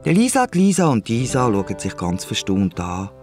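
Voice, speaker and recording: A man's voice: lowish voice, normal speed, faint music behind. A man with a Swiss German accent narrating a children's radio play. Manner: lively storytelling.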